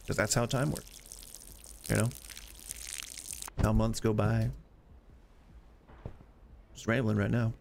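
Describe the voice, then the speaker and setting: A gaming streamer in his forties chats casually while he plays, rambling and making self-deprecating jokes about getting old. His fairly low voice is gravelly and a little mellow, delivered flat and slow with long pauses, over a slight hiss or hum.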